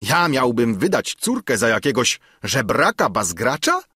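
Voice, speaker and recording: A man's voice: mid-range voice, huge pitch swings, unhurried, bright, forceful tone, breathy edge, dry recording, studio quality, voice pushed up, heavily acted. A man voicing a pompous old councillor who is easily frightened and bursts into indignant exclamations. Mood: alarmed, indignant.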